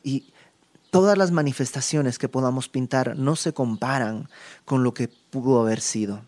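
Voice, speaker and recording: A man teaching a verse-by-verse Bible study, speaking emphatically and moving between raised and hushed passages, with conversational asides. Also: mid-range voice, moderate pace. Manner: conversational asides and tag questions.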